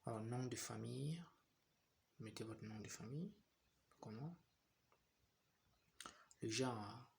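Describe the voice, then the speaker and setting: A man's voice: mid-range voice, slow pace, gravelly, pauses often, a little mellow, a little hiss or hum. A young man from Cameroon, walking viewers step by step through an app tutorial, often hesitating and repeating himself. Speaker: tutorial host. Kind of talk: screen-recorded phone app tutorial.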